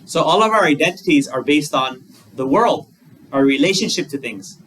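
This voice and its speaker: A male Buddhist monk gives a conversational dharma talk built on plain examples and rhetorical questions. His voice is a little high and a bit bright, with lively intonation at a normal speed. The mic is distant, picking up faint room noise.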